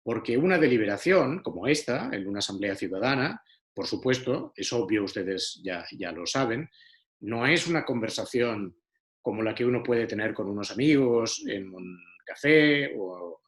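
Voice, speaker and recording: Guy giving a talk over a video call, earnest, lots of ehs and restarts. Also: fairly low pitch. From Spain. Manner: earnest, repetitive, many fillers. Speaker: speaker on deliberative democracy. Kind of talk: online talk to citizens' assembly.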